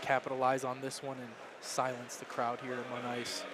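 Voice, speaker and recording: A man's voice: medium pitch, completely flat delivery, normal speed. A man working as color commentator on a hockey game, talking through replays in a conversational way. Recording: live arena noise behind. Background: hockey arena ambience.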